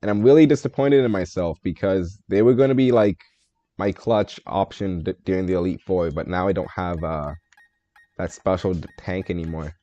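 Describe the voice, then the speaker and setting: Male streamer, low mellow voice, casual running commentary, dry and slightly muffled stream audio. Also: moderate pace, no echo. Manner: thinks aloud, answers chat, joking and self-deprecating. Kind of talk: live gameplay stream commentary.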